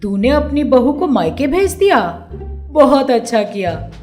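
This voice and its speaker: A woman's voice: high voice, very animated, unhurried, dark tone. A woman voicing a bossy, dramatic middle-aged mother-in-law in a cartoon story, scolding and exclaiming, with faint music behind. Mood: scheming.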